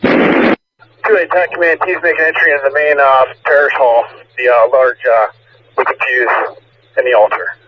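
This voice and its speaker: A man speaking as a police tactical officer over radio, giving halting, piecemeal reports in call signs. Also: mid-range voice, little pitch movement. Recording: noisy muffled police radio, distant mic. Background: loud noise and radio clicks.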